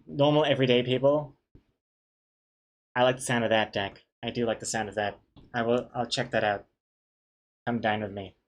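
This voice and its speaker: A man with a medium-pitched voice talks casually to a livestream, rambling in a playful, easily amused way. He has a speech trait where his R sounds come out like W. The delivery is unscripted and conversational. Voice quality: cannot pronounce R properly, says w for r. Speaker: comic artist and streamer. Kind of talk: casual livestream chat while drawing.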